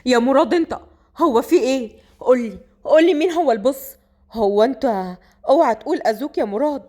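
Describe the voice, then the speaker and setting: Woman doing gruff hot-tempered Egyptian man. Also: fairly quick, mellow. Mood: angry. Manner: gruff, commanding, lowered voice.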